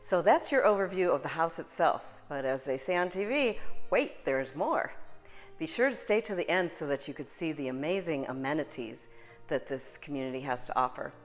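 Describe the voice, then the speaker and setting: A woman's voice: low voice, expressive, moderate pace, soft background music. A middle-aged woman, a real estate agent, walking through a house and pointing out its features in an upbeat, salesy way, filming on a handheld phone. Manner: upbeat salesy tour guiding. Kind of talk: home tour walkthrough. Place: inside a house, then a kitchen. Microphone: phone camera, held at arm's length.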